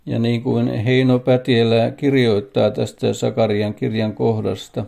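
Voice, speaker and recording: Male preacher with a gravelly, darkish voice, solemn and emphatic sermon delivery. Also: medium pitch, warm tone.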